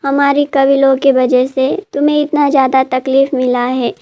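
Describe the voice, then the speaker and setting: Woman voicing a gentle young woman healer, protective, soothing, high-pitched, even tone, storybook retelling. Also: normal speed, natural voice. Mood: caring. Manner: soothing, urging rest.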